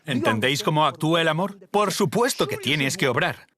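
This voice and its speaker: A man's voice: fairly high pitch, animated, fairly quick, bright, forceful tone. A male pastor with a Spain Spanish accent preaching a sermon, telling a story and acting out its dialogue in changing voices.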